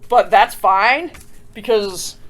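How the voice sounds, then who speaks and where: A woman hosts a kids' craft tutorial in a loose, conversational way, teasing herself playfully and often checking that viewers are keeping up. Her mid-range voice is fairly bright, and she speaks at a slow pace.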